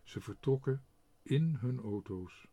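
Een man met een hese stem die langzaam en expressief een kinderboek voorleest. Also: mid-range voice. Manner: slow and expressive. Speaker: reader. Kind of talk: reading a children's book aloud.

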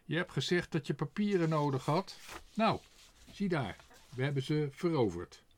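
A man voicing an indignant, boastful male crow in an audiobook, with a proud, quick-to-take-offence way of talking. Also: fairly high pitch, very animated, slight background noise, voice pushed up. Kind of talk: audiobook character voice.

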